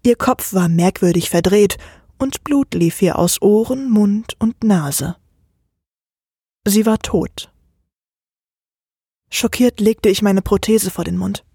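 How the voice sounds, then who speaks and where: A woman narrating a scripted first-person horror story in a measured way. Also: mid-range voice, mellow, husky, no room sound, clean studio sound.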